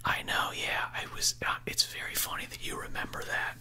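A man in his thirties chatting casually on the phone in a breathy ASMR whisper, close to a desktop microphone in a small room. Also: a little fast, sharp tone. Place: small room indoors at home. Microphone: close desktop condenser microphone.

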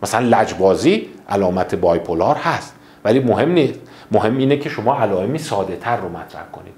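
A male psychiatrist gives a lecture in a low voice. His delivery swings widely in pitch, chatty and animated as he acts out people's reactions. The sound is echoey, as if from a roomy hall.

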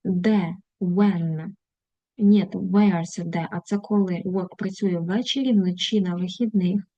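A woman teacher with a Ukrainian accent leads an online English lesson, reading English words and phrases and translating each one. Her voice is very dark and mellow. The recording is dry and slightly dull. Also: lowish voice, fairly even intonation, slow, dry recording.

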